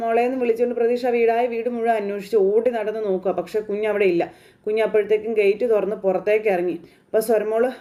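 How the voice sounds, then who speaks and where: A woman's voice: on the high side, mellow. A woman casually retelling a TV serial episode, chatty and colloquial, stringing events together with frequent fillers. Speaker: serial recap narrator.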